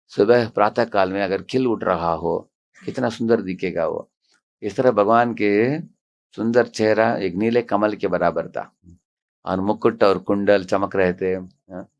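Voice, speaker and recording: Male monk preacher, low gravelly voice, lively storytelling lecture, acts out the dialogue. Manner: animated, acts out quoted dialogue; asks the audience questions. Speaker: monk and temple president.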